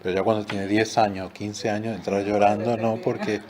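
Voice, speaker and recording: Rioplatense guy teaching bible study, kinda low voice, chatty, lots of noise behind. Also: level tone, brisk. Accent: Rioplatense Spanish. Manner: conversational, explains with examples, fills with "este". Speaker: discipleship teacher.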